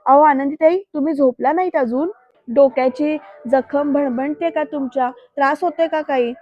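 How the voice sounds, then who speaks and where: A woman's voice: sits high, moderate pace, no room sound, natural voice. A woman voicing a caring middle-aged housemaid who fusses and coaxes, on a dull, dry recording. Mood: coaxing. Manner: coaxing, scolding gently.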